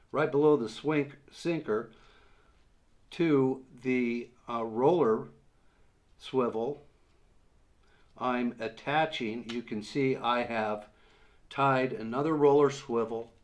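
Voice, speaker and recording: In a medium-pitched voice, an older fishing instructor in his sixties explains a fishing rig one step at a time, slow and patient, filling gaps with uhs. He's seated at a table in a small room for this how-to demonstration, captured by a front-facing camera at desk distance.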